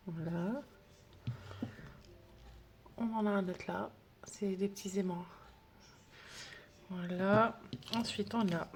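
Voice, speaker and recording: A tired woman chatting through an unboxing, gushing over each little item and slipping into soft whispers now and then. Her voice sits in a middle pitch and is full of casual fillers. A faint hiss runs under the recording. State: tired, trembling hands. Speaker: budgeting vlogger.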